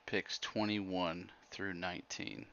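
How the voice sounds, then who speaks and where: A man's voice: sits low, fairly even intonation, slow pace, vocal fry, a bit bright, clean tone, muffled recording. A man hosting a casual livestream, laid-back and dry as he announces picks. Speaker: host.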